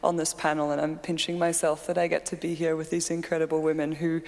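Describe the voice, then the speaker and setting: A woman, a panel guest telling her story in an eager, animated way. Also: low-pitched, fast talker. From Malawi, then Australia. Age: 20s. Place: large hall with a live audience. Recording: reverberant hall.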